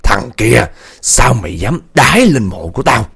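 A man voicing a menacing ghost of a dead man who speaks in a low growl. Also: very animated, moderate pace, vocal fry, fairly bright tone, husky, heavily acted.

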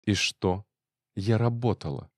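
A man with a low voice reading the lines of a cool, defiant actress wife in an audiobook, in a calm, cold tone. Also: unhurried, no room sound, clean studio sound, close to an everyday voice. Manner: cold, calm, then sharp.

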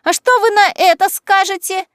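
A shrieking, furious young noblewoman of an audiobook tale, put on by a woman narrator. Her voice leaps high and shrill in every outburst. The reading is dry and close. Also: level tone, moderate pace, fairly bright tone, no room sound. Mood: taunting. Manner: shrill, screaming.

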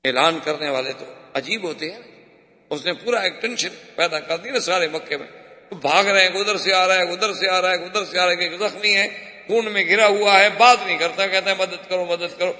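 A male preacher with a high, bright, forceful voice tells a story in a sermon. He acts out the cries and dialogue dramatically, and his voice rings with a long reverb in a hall. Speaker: Islamic preacher.

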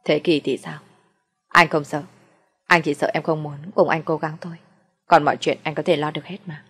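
Woman voicing a gentle teasing boyfriend. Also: sits low, fairly even intonation, normal speed, husky, long reverb tail. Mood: comforting. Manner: soft, reassuring, playful.

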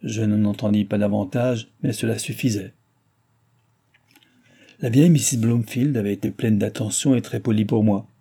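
Dark, husky male audiobook narrator. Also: fairly low pitch. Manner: measured, literary, steady. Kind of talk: audiobook reading of a classic novel.

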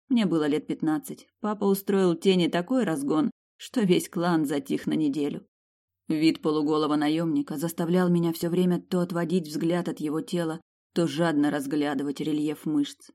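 A woman reading first-person novel narration as an audiobook narrator, in a steady storytelling read. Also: sits low.

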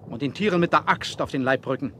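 An actor playing a grave, commanding submarine captain in a formal, matter-of-fact way, in a 1970s radio play. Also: male voice, mid-range voice, fast, close to an everyday voice. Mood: grave, resolute. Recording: vinyl rip with faint noise.

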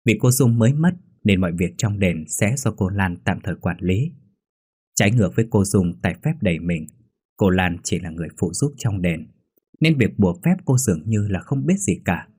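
A man narrating a horror story in a measured, ominous reading. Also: deep voice, animated, a little mellow, breathy edge. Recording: faint background music.

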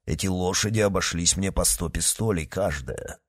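A man voicing a big, blunt male musketeer with a low, slow way of talking. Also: slightly rough, no room sound, studio quality. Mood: gruff.

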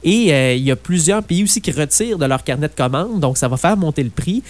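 A man with a Québécois French accent, co-hosting a political radio talk show in a chatty, animated way, full of fillers. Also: a little high, brisk.

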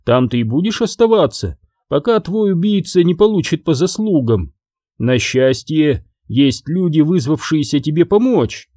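A man's voice: a little high, expressive, normal speed, dark tone, no echo, clean studio sound. A man playing a fussy, fretful male ghost medium who talks theatrically.

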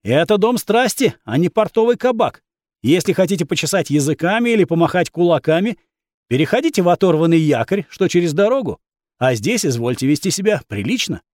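A man reading the lines of a smooth, flirtatious middle-aged brothel madam, polite but firm. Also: high-pitched, sing-song, brisk, darkish tone, no echo, studio quality. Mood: stern. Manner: coaxing, polite, firm when needed.

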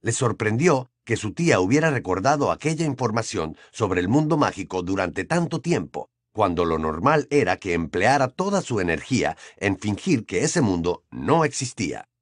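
A man narrating an audiobook in an expressive storytelling manner. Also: on the low side, moderate pace, few pauses, no room sound, studio quality. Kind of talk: scripted narration.

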